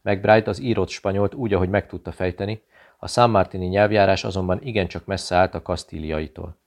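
A man with a deep, low voice reads a thriller novel aloud as an audiobook. His delivery is steady and measured, and he lifts his voice when characters shout. It suits tense, plot-driven narration.

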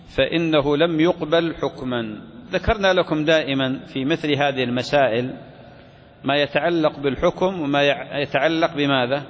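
Man teaching a religious lesson. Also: a little high. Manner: explains step by step, asks and answers his own questions. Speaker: sheikh teaching a fiqh text. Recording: dull recording in a reverberant hall with faint noise.

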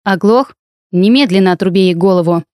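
A woman's voice: medium pitch, a little fast, mellow, smooth, no room sound, studio quality, close to an everyday voice. A woman voicing an arrogant, vengeful male healer who gives curt, imperious orders in an audiobook fantasy tale. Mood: commanding.

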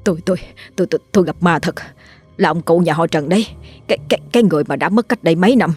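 A woman's voice: deep voice, brisk, darkish tone, soft background music. A woman voicing a frightened middle-aged village husband who stammers when scared. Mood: terrified.

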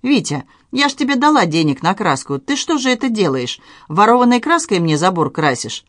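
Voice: medium pitch, lively intonation, a little slow, no echo, clean studio sound, voice pushed up, lightly acted. A reader voicing a nervous, indignant middle-aged woman who owns a house and scolds her hired painter. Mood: scolding.

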